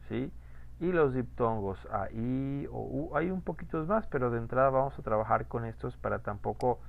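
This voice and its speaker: A man's voice: medium pitch, vocal fry, phone-quality sound. A man teaching French pronunciation in an online class, patiently repeating rules and asking students questions.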